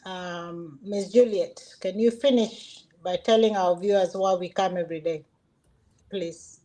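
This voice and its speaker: A woman hosts with a slow, unhurried delivery. She pauses often and feels her way through unscripted thanks and sign-offs to the audience. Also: on the low side, mellow, low-quality recording. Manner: hesitant, pausing often. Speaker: host.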